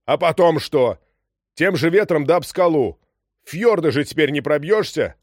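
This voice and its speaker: A man voicing a harried middle-aged sea captain who is anxious and touchy and shouts defensively. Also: on the high side, animated, normal speed, dry recording, clean studio sound, pitched above the performer's own voice. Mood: shouting.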